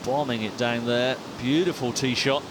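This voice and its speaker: A man works as a golf commentator, talking through play like a former player. His pitch is average and his delivery is measured and sympathetic. A clear rumbling noise sits behind his voice. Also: fairly even intonation.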